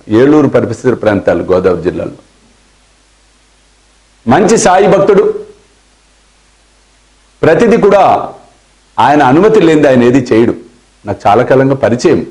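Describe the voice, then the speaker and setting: A man's voice: mid-range voice, a little mellow, poor audio. Telugu-accented man telling a devotional story. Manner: storyteller acting out quoted dialogue, slowing for emphasis. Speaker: spiritual teacher.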